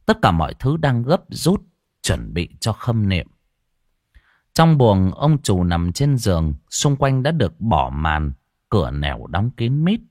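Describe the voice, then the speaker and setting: Male narrator, ghost story, lively pitch, dramatic delivery, dry sound. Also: a little slow, no echo.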